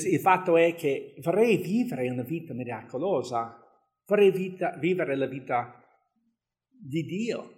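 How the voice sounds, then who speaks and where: A man preaching in a relaxed, chatty way. He breaks into small chuckles, trips over and restarts words, and slips into reading scripture aloud between his own remarks. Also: medium pitch. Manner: conversational, chuckles often, many restarts. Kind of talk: informal sermon with Bible reading.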